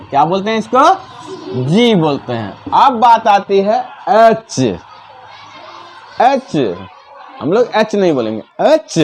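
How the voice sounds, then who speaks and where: A male teacher runs an alphabet lesson at a very unhurried pace, drilling each sound and quizzing his pupils. His voice sits at an ordinary middle pitch, with a faint hiss of background noise underneath. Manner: slow, repetitive drilling with questions to pupils. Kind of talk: classroom-style alphabet lesson.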